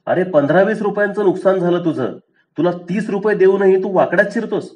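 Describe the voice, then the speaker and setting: A man's voice: high voice, brisk, a little mellow, voice pushed up, natural voice. A man voicing an impatient, irritated middle-class man trying to settle a roadside dispute. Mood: exasperated. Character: exasperated middle-class scooter rider, adult man.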